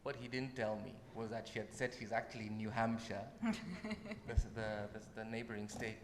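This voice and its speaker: A Kenyan man, a musician guesting on a talk show, tells casual stories at normal speed with a medium-pitched voice. He's lively and laughing, full of restarts and repeated words, heard in a roomy hall with a long echo and faint noise.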